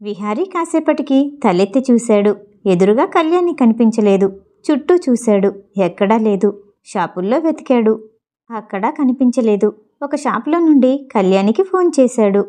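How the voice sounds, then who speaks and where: A woman reads a story aloud with a steady, emotive delivery. Her voice sits a little high for a woman yet sounds mellow and warm rather than bright. The narration is scripted and even. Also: normal speed. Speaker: audiobook narrator.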